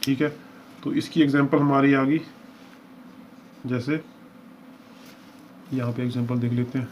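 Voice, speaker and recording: A man's voice: mid-range voice, steady tone, a little slow, darkish tone. A man teaching a shorthand lesson, explaining each step patiently and repeating examples as he works through them. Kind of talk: lesson walkthrough. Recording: dull lo-fi recording with faint hiss.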